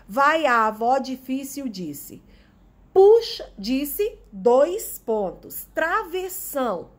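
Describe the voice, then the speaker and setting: A woman's voice: on the high side, breathy edge. A woman teacher explaining a lesson, reading passages aloud and asking the class rhetorical questions. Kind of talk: online Portuguese lesson.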